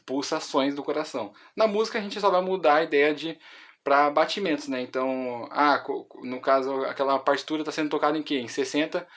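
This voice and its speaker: A man's voice: fairly high pitch, fairly quick, fairly bright tone. A man with a Brazilian Portuguese accent, explaining music theory in an online lesson, with many fillers and restarts.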